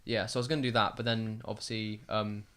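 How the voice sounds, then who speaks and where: A young man chatting casually as a podcast guest, rambling and halting with many fillers. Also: on the low side, flat delivery, fairly bright tone. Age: young adult. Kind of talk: casual chat.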